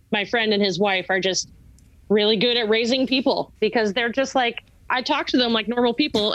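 A woman's voice: mid-range voice, a bit bright, highs cut off. A young woman co-hosting a casual chat, rambling with many fillers and casual swearing.

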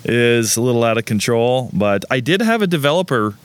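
Guy cohosting a podcast, super lively up and down voice, jokey and hammy. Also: medium pitch, a little fast, clear, resonant tone. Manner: animated, playful, hams up the sponsor read. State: injured ankle, in a leg brace. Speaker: podcast co-host. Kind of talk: casual podcast chat with ad reads.

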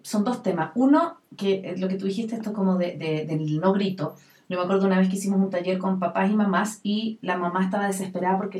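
A woman hosts a casual chat in a calm, reflective way. She speaks at an ordinary pitch from some distance off the mic. The room carries a roomy echo.

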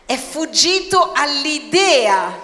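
A woman preaching a sermon emphatically, moving from quiet explanation to shouted declarations. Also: high voice, very animated, slow pace. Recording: long hall reverb.

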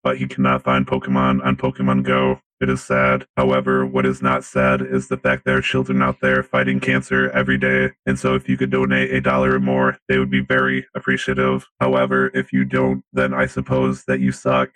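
A man voicing a stiff robot that stands in for a missing co-host, speaking in flat, clipped sentences. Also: a bass voice, brisk, few pauses, pitched below the performer's own voice, rough recording. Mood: deadpan robotic. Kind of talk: comedic podcast bit.

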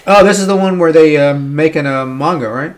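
A man's voice: fairly high pitch, a little fast. A young man co-hosting a podcast in casual chat, easygoing and agreeable with short replies. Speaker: podcast co-host. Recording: echoey room.

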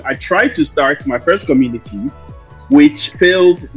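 A man tells his story as an interview guest, circling back and correcting himself as he goes. His voice is a little husky. The recording is dull and lo-fi, with music behind it. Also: medium pitch. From Lomé, Togo; later Ireland. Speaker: interview guest, investor and founder. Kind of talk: conversational interview answers.

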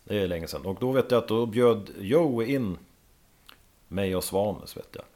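A man with a fairly low voice tells lively stories in a casual chat, swearing freely as he goes. He speaks as a guest drummer recalling life on the road.

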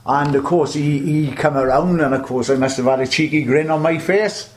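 A man's voice: a little high, normal speed. An older man with a South Wales Valleys accent, reminiscing in a chatty, rambling way as an interview guest. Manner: rambling, chatty storytelling with repeated starts. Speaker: interview guest, veteran butcher.

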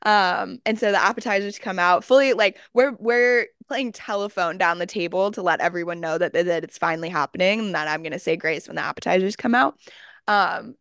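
A young woman from Texas tells stories on a podcast, jumping into little acted-out quotes and leaning on fillers. Her voice is smooth and resonant, recorded close and dry. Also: medium pitch, no echo. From Austin, Texas. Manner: animated storyteller, acts out quotes, many fillers. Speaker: podcast co-host. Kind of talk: casual chat, storytelling.

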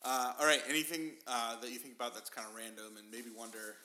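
A male host chatting casually, telling animated stories and laughing often. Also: medium pitch, fast, crowd noise. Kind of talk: casual chat.

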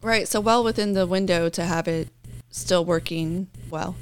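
A woman co-hosting a casual political chat, talking in an animated and often sarcastic way. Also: on the low side, normal speed, clear, resonant tone. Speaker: co-host.

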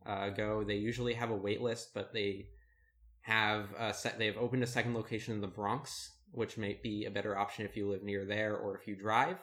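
Low-voiced man giving casual advice. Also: normal speed. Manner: relaxed, many fillers and restarts. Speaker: podcast co-host.

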